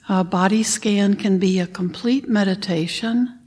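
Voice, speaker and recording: A woman leading a guided meditation, giving gentle instructions and sometimes dropping to a whisper on the breath cues. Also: medium pitch, breathy edge.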